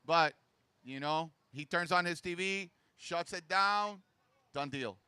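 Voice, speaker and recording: Bright, crisp male surf announcer from Puerto Rico. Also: on the high side, takes it slowly, no room sound. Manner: informal, chatty, switches into Spanish for asides. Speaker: local surf contest co-host and announcer. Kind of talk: casual live commentary and chat.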